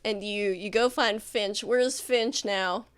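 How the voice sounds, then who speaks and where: A woman runs a tabletop role-playing game in a middling pitch. She improvises her narration loosely and conversationally, as casual chat among players. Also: fairly even intonation, slow, smooth. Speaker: game master.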